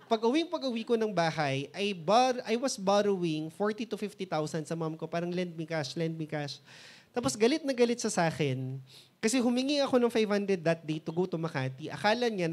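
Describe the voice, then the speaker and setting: A man's voice: high-pitched, a little mellow. A man in his thirties from the Philippines with a Filipino accent. He is a mentor telling his own success story, switching between Tagalog and English and acting out remembered conversations. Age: 30s. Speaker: mentor and motivational speaker. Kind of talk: personal success story talk.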